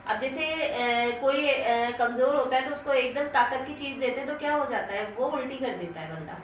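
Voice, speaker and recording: A woman's voice: high voice, normal speed. A woman beauty instructor explaining a keratin treatment step by step in a salon, speaking. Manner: explains step by step, uses examples. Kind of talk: hair treatment tutorial. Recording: echoey room, mic at distance, faint noise.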